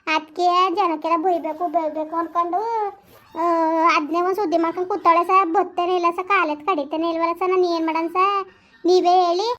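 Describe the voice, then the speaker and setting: A woman's voice: very high voice, fairly even intonation, a little fast, fairly bright tone. A woman playing a scheming village wife, who pleads and makes excuses in a whiny way. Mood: pleading. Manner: pleading, whining, excuse-making. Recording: muffled lo-fi recording.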